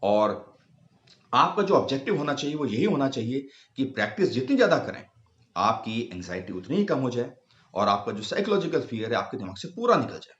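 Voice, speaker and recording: A man speaking Hindi as a speech coach, patiently explaining and slowly sounding out letters one by one for viewers. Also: mid-range voice, big pitch swings. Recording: echoey room, slightly dull sound.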